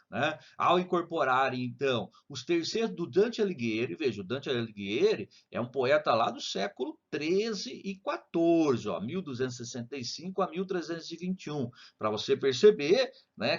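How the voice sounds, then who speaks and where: A man's voice: fairly high pitch, a bit bright, highs cut off. A man with a Brazilian accent teaching a casual video lesson on literature, explaining in a chatty way with frequent tag questions. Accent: Brazilian Portuguese.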